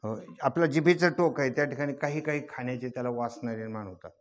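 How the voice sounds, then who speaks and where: A man's voice: medium pitch, fast talker. An older man giving a devotional kirtan sermon, teaching in a folksy way, asking rhetorical questions and rising into chanted verse. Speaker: kirtan preacher.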